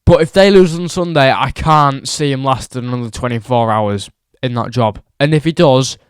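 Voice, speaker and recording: In studio-quality audio with no echo, a young man who vlogs about football vents his frustration over the results, saying his points again and again for emphasis. He speaks smoothly at normal speed with a medium-pitched voice.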